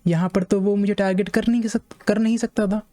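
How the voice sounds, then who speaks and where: Indian man, English teacher with an Indian accent, mellow tone, measured and repetitive delivery. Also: sits high, little pitch movement. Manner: measured, repeats points, reads English slowly. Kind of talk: explaining to viewers, reading passages aloud.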